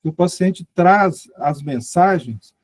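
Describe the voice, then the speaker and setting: A man's voice: high-pitched, lively intonation, slow pace, dry recording. A man taking part in an online class who cuts in with a question. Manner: interjects with a question. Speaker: class participant.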